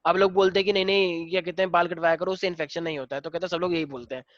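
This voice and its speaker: A man's voice: high voice, steady tone, rapid-fire, dry recording, highs cut off. Chatty man quizzing a class. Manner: chatty, keeps quizzing students. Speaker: biology teacher. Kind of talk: classroom lecture.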